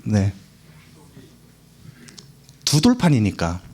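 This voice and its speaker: Lively, playful young man preaching to teens. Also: fairly low pitch, extremely slow, slightly rough. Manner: playful, asks the students questions, acts out quotes. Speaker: youth pastor. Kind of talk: lively youth sermon. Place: church hall.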